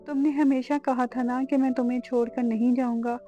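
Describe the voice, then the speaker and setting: A woman voicing a devoted young man in a storybook reading, calm and tender. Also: sits high, lo-fi sound, soft background music, close to an everyday voice. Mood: resolute tender. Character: devoted young man ready to sacrifice himself.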